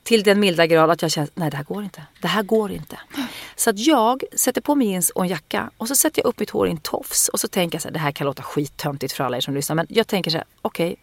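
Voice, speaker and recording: Low-voiced woman telling a story. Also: no echo. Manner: animated, vivid storytelling with acted-out quotes. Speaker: actress. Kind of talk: casual storytelling chat.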